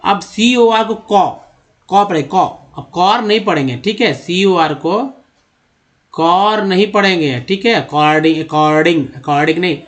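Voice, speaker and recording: A man's voice: high-pitched, a little slow, fairly bright tone. A man giving a spoken lesson on reading English. He explains step by step, often repeats words and asks his listeners questions. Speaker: English teacher.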